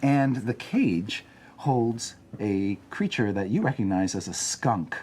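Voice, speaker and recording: A man in a tabletop game describing a creature slowly, with halting fillers. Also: on the low side, big pitch swings, background noise. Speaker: player and narrator.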